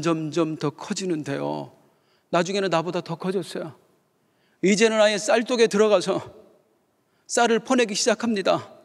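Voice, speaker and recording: A man's voice: high voice, vocal fry, long reverb tail. A male pastor preaching a sermon, telling a story and building up fervent rhetorical questions. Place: church sanctuary.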